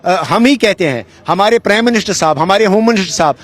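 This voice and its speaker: A man with a Kashmiri accent, speaking earnestly at an outdoor protest interview, often pausing and restarting. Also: high-pitched, animated. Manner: earnest, halting with many fillers and restarts. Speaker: politician at a protest. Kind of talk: on-the-spot interview.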